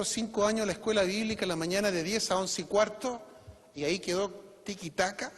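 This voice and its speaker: A male pastor preaching a sermon to his congregation, pressing home his points with rhetorical questions. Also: sits high. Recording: long reverb of a church hall.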